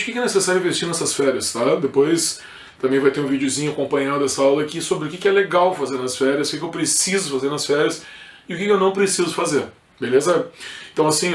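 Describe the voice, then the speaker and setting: Upbeat gaucho teacher in an echoey room. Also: male voice, a little high. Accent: Southern Brazilian, Rio Grande do Sul. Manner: informal, peppered with checks like "correto?" and "tá?". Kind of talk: recorded exam review lesson.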